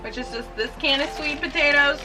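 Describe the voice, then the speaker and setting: A young American woman chatting casually to viewers inside a small trailer, upbeat and informal, thinking out loud. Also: high voice, fairly quick, loud music behind the voice. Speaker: vlogger.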